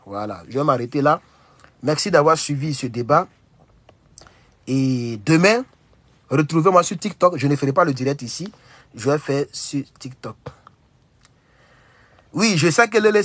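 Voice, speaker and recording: Young Ivorian man, livestream host, Ivorian French accent, husky, animated rhetorical delivery. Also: a little high, no echo. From Côte d'Ivoire. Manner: animated, rhetorical, repeats questions. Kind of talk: casual livestream monologue.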